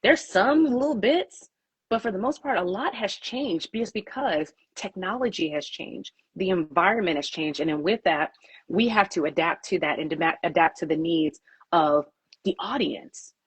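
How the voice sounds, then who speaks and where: Husky, emphatic woman publicist. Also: on the low side, animated, moderate pace, dry recording. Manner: emphatic, repeats key points. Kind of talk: interview answers.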